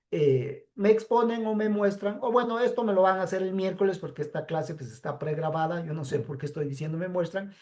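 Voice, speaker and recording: A woman's voice: medium pitch, darkish tone. A woman teacher giving a pre-recorded class lecture, explaining step by step and checking in with her students as she goes. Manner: slow, explanatory, frequent checking "¿sí?".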